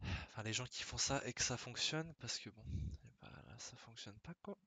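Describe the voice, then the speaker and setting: A man's voice: mid-range voice, moderate pace, bright, forceful tone, slightly rough. A young man streaming live, chatting casually in a rambling, slangy way that keeps interrupting itself.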